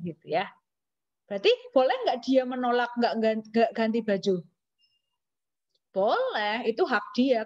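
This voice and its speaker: A woman's voice: on the high side, a little mellow. A woman with an Indonesian accent teaching an English lesson, chatty and teasing, asking questions and answering them herself. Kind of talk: classroom lesson. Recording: dull lo-fi recording.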